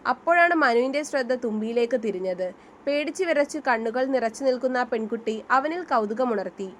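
A woman's voice: on the high side, lively intonation, moderate pace, a little hiss or hum. A woman narrating a written story and reading the characters' lines in her own voice. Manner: reads all the characters' dialogue in her own voice.

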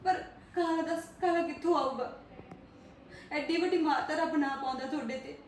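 A woman acting in a family drama, comforting and insisting in a quick, firm way. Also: sits high, darkish tone. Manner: comforting, insistent, fast-talking. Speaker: actor in a family web drama. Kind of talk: scripted family drama dialogue. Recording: echoey room, far from mic, faint noise.

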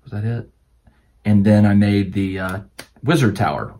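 A man's voice: lowish voice, fairly even intonation, a little slow, mellow. A man hosting a crafting channel, answering viewer questions in a casual, rambling way, with many fillers and restarts, while his voice starts to wear out. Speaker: host of a tabletop crafting channel. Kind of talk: casual Q&A chat to camera.

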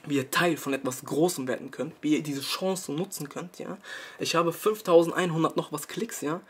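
Husky young man ranting at viewers. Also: fairly high pitch, moderate pace. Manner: exasperated, scolding, tags sentences with "ja?". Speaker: YouTuber. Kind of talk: mock-serious rant to camera.

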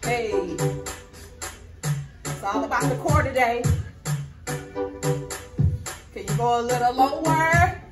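A young American woman working as an aerobics instructor, calling out moves and counts to a group with energetic, drawn-out commands. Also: on the high side. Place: large indoor hall with hard floor. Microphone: far camera. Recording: echoey room, distant mic, loud music. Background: loud workout music.

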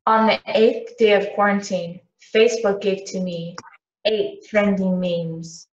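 Woman, mid pitch, dramatic recitation, roomy dull recording. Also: steady tone, unhurried. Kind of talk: dramatic recited reading of a parody carol. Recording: echoey, distant, dull video-call audio.

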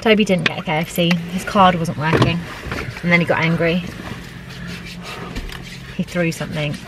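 A young British woman vlogs to a handheld camera held at arm's length, chatting casually and informally in a lowish, steady voice at normal speed. The recording is noisy, picking up room and car sounds.

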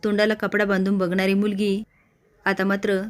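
A woman narrating a TV serial recap in a casual storytelling way, briskly retelling events and voicing the dialogue. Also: mid-range voice, completely flat delivery.

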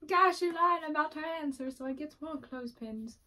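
A woman's voice: high-pitched, moderate pace, bright, forceful tone. A young woman chatting casually and playfully as she co-hosts a challenge vlog in a room at home. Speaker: vlog co-host playing a quiz challenge. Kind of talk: casual chat. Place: small room at home, indoors.

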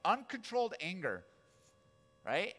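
A man's voice: high voice, huge pitch swings, a little slow, pushed and bright, soft background music. Male pastor, 40s, conversational sermon, tells stories and keeps checking in with the congregation. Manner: casual storytelling with asides and audience questions.

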